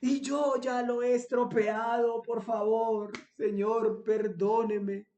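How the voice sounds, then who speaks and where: A man's voice: very high-pitched, fairly even intonation, moderate pace, mellow, reverberant, highs cut off. A man voicing a young woman who is crying and pleading after a car crash, apologizing over and over in a raised, pleading tone. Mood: tearful pleading.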